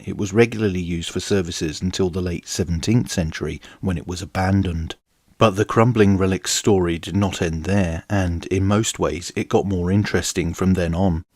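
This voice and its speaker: A man in his forties giving measured, wry, scripted documentary narration as a history channel host. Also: sits low, a little mellow, no echo, studio quality.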